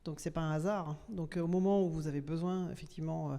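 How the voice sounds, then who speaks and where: A man on a health panel speaking energetically, with many pauses and fillers. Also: fairly high pitch, fairly even intonation, gravelly, warm tone. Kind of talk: panel discussion. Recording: long hall reverb.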